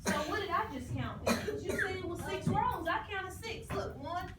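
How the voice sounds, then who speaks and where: A high-pitched woman teacher instructs a classroom in firm, proctor-like directives. She counts down and repeats her orders in short phrases. The recording is echoey, picked up from a distance, with clear room noise. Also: expressive, normal speed. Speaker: second-grade teacher. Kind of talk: classroom instruction with call-and-response prompts.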